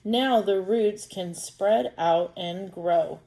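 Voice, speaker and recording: A woman reading the lines of a small, cheerful male earthworm from a storybook, slowly and deliberately. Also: mid-range voice, warm tone, low-quality recording. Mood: friendly. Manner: slow, deliberate read-aloud.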